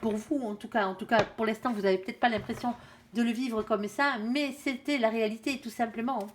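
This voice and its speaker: A woman's voice: on the high side, steady tone, a little fast, a little hiss or hum. A woman giving a casual, blunt tarot reading to her viewers, filling her talk with frequent fillers and tag words. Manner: blunt, chatty, peppers speech with "hein" and "euh". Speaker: tarot card reader.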